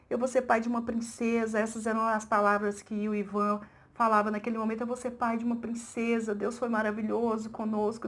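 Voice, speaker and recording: A Brazilian woman from her own channel, telling a testimony story and acting out the quoted voices with rising excitement. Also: fairly high pitch. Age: middle-aged.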